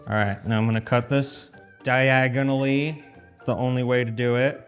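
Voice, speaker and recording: The American vlogger keeps a steady tone at medium pitch and a moderate pace as he chats casually to camera. His empty kitchen sounds echoey, with faint music behind him.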